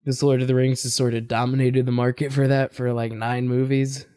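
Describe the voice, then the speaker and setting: A man's voice: mid-range voice, flat delivery, a little fast, mellow, smooth. A man hosting a reaction video, talking casually and rambling with fillers and self-corrections.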